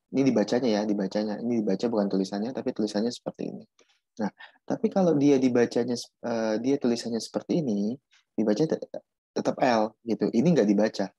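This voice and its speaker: A man's voice: mid-range voice, warm tone, no echo. A man teaching Korean pronunciation in a casual online class, repeating himself and restarting while he explains. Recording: dull muffled audio.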